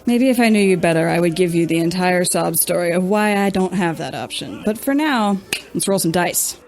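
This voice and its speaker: A woman's voice: lowish voice, expressive, fairly quick, a little mellow. A woman player speaking in character, cocky and teasing, with faint music behind. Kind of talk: in-character tabletop role-play.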